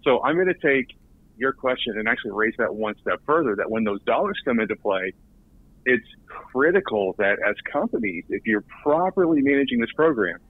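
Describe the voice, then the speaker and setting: A man's voice: medium pitch, animated, fairly quick, breathy edge, no room sound. Earnest man on a tinny phone line. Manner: earnest, repeats words as he restarts. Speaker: recruiting director guest. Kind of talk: podcast interview.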